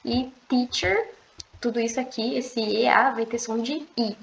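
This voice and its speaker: A young woman teaching an online language lesson, explaining patiently and repeating slow, drawn-out pronunciation examples. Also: fairly high pitch, creaky, slight background noise. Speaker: English teacher. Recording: echoey room, dull lo-fi sound.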